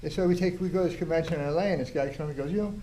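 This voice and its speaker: A man's voice: on the high side, rapid-fire, dark tone, a little hiss or hum. An older man, a tattoo artist, telling blunt, profane stories and acting out what people said. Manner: profane, blunt storytelling with acted-out quotes. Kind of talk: storytelling interview.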